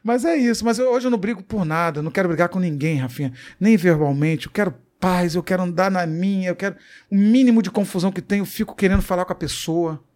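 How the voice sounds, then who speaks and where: A Brazilian man with a high voice tells a story in a relaxed interview. He swears freely and acts out the lines of the people in his tale, with lots of life in his delivery. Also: quick pace. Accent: Brazilian Portuguese. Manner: profane, animated storyteller acting out quoted dialogue. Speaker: comedian guest.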